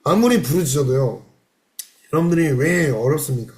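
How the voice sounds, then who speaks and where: A man's voice: fairly high pitch, animated, a little fast, darkish tone. A male pastor preaching a sermon, reading passages aloud and explaining them with rhetorical questions in a church. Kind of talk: sermon on a devotional classic.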